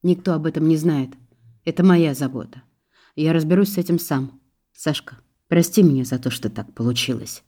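A woman reading the part of a young man, a car thief in love, speaking softly and apologetically. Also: low-pitched, normal speed. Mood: remorseful.

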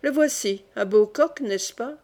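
A woman voicing a proud, quick-witted young king of Navarre who answers with smooth innocence and firm pride, in an audiobook. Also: fairly high pitch, dark tone. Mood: composed.

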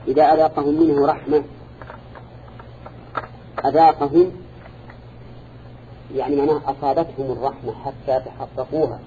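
A Quran interpretation teacher gives a classroom lecture in a measured manner, quizzing his students as he goes with short questions and repeated "ha?" and "na'am". His voice is mid-range and mellow with fairly even intonation. The lo-fi recording is dull, with slight background noise.

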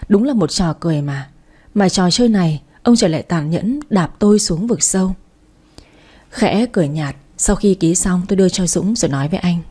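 A woman's voice: medium pitch, mellow, husky. A woman narrating a romance story in the first person, in a sorrowful, wistful reading style. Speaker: audiobook narrator.

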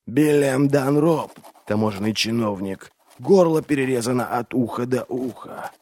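A man voicing a stern crippled male inquisitor who questions prisoners slowly and coldly. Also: medium pitch, mellow, natural voice. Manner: slow, cold, deliberate questioning.

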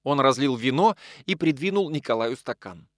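A man narrating a novel in a measured, expressive way, his pitch moving lively through each sentence. Mid-pitched voice, recorded close and dry with no room sound. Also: dry recording. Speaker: audiobook narrator. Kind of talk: audiobook narration.

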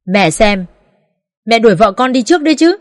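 A woman's voice: on the high side, expressive, moderate pace, no room sound, clean studio sound, pitched above the performer's own voice, natural voice. A woman voicing a young husband who pleads with his angry mother. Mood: pleading. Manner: pleading, exasperated. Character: pleading young husband, son caught between mother and wife.

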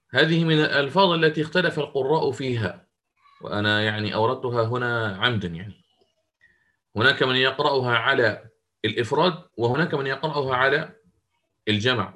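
A man leads an online class on Quranic recitation. His voice sits at an ordinary middle pitch. He walks through each rule step by step and keeps stopping to question his students. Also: fast, pauses often, sharp tone. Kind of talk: interactive online lesson.

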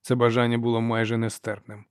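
A man narrating an audiobook in a steady, measured reading. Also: medium pitch, clean tone, no echo, clean studio sound. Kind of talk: scripted narration.

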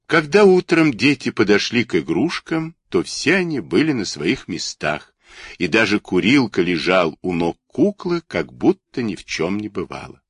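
A man narrating a fairy tale in a theatrical, expressive storytelling manner. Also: lowish voice, moderate pace, husky, dry recording, studio quality.

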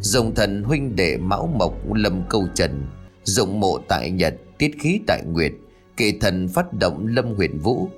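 Ghost-story elder diviner, deep, unhurried, solemn, voiced by a male narrator. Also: big pitch swings, soft background music, heavily acted. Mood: grave. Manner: slow, measured reciting of omens. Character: old village diviner, grave and solemn.

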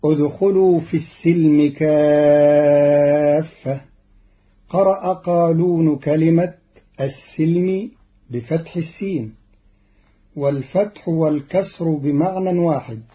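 A man explains readings in a slow, deliberate, formal delivery from a scripted radio program. His voice sits a little high for a man. The sound is dull and lo-fi, like an old archive radio broadcast.

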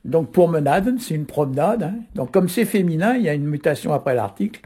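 Guy from brittany on the radio explaining words, lots of ums, kinda husky. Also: a little high, animated, fast talker, dark tone. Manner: hesitant, filler-heavy, explanatory. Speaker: Breton language guest teacher.

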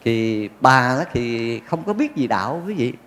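A man's voice: mid-range voice, sing-song, measured pace, a bit bright. A male Buddhist monk giving a folksy dharma talk, telling stories with jokes and acted quotes. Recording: long hall reverb.

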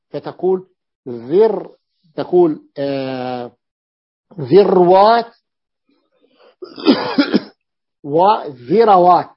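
A man teaching Arabic morphology in a classroom lesson. He repeats example words slowly and often stops and restarts mid-phrase. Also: a little high, husky. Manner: halting restarts, drawn-out syllables. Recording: dull lo-fi lecture recording.

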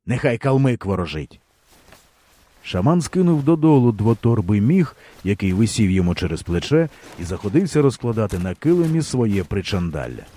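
A man reading a historical novel aloud as an audiobook narrator, with expressive storytelling. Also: on the low side, fairly quick, hardly any pauses.

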